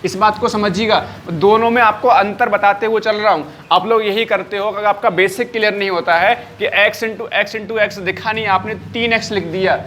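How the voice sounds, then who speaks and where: A man's voice: high-pitched, fairly even intonation, moderate pace, few pauses, bright, forceful tone, a little hiss or hum. A man teaching a live online maths class, repeating each point and checking often whether students follow.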